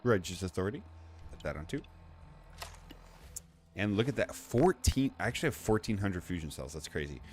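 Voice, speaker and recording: A man's voice: low voice, big pitch swings, normal speed, long pauses, darkish tone, slight background noise. A man giving casual, chatty gameplay commentary, rambling and correcting himself as he plays. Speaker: gaming video creator.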